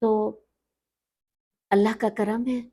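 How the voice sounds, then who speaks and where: A middle-aged woman being interviewed on a podcast, with a slightly high voice. She talks in a measured, reflective way and turns teacherly, leaning on single words and repeating them until they are pronounced right. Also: little pitch movement, mellow. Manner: teacherly, stresses and repeats words to correct pronunciation. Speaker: guest, newspaper editor and poet.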